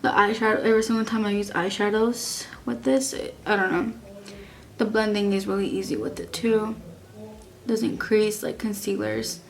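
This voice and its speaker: A woman's voice: mid-range voice, flat delivery, moderate pace, vocal fry. A young woman from Texas, chatting casually through a makeup review and rambling with lots of likes and restarts. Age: young adult. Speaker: beauty vlogger.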